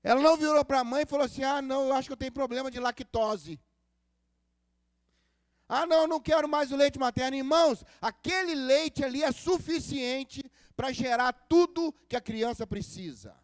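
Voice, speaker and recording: In a church service, a male pastor with a very high-pitched voice preaches at normal speed, telling stories, acting out the dialogue and calling for congregation responses. The recording is dry and clean, studio quality.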